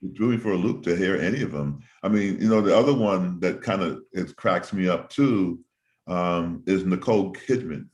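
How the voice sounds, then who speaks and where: Very deep-voiced male interview host. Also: a little mellow. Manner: thoughtful, rambling, pauses with many um's. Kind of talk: casual interview chat.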